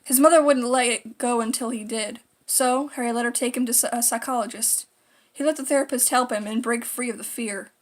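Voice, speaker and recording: A woman narrating a scripted horror story in a deliberate, dramatic storytelling manner. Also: fairly high pitch, fairly even intonation.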